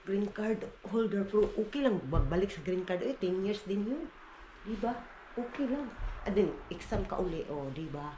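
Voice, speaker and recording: A woman's voice: mid-range voice, animated, normal speed, warm tone, reverberant, highs cut off, slight background noise. A Filipino woman with a Visayan accent, chatting casually to her viewers in a home vlog, her nose a little stuffy from the cold. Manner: chatty, addresses viewers as "inday", switches between Tagalog, Bisaya and English. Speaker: vlogger mother. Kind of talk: casual family vlog talk.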